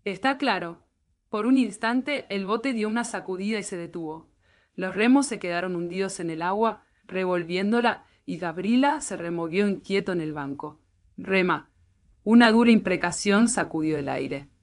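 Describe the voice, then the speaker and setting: A woman narrating a bedtime audiobook at an unhurried, soothing pace. Her voice sits at a middle pitch, neither high nor low. The reading is steady and even. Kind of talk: calm bedtime story narration.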